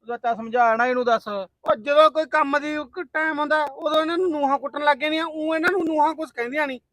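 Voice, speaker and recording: High bright-voiced man, questioning. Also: fast, dry recording, studio quality. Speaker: son in a family drama. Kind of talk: Punjabi short film acting.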